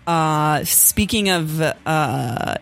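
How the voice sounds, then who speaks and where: A woman's voice: low-pitched, expressive, very slow, creaky, faint music behind. A woman chatting casually as an improv performer guesting on a podcast. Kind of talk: casual chat.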